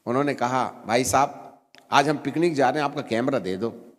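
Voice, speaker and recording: A man's voice: medium pitch, moderate pace. Man, middle-aged, preacher, storytelling sermon, emphatic peaks, reverberant church hall. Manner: animated, acts out voices in his story, rising to emphatic peaks. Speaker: bishop preaching.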